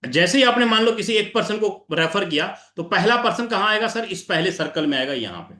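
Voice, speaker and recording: Guy explaining a plan on screen share, high bright voice, keeps asking and answering himself, echoey room. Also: lively intonation, brisk. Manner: repetitive, asks and answers his own questions, addresses listeners as sir. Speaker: crypto plan presenter.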